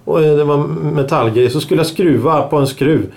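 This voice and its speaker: A man's voice: on the high side, darkish tone. A man co-hosting a casual podcast, swearing freely and teasing his co-hosts. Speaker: podcast co-host. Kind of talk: casual chat.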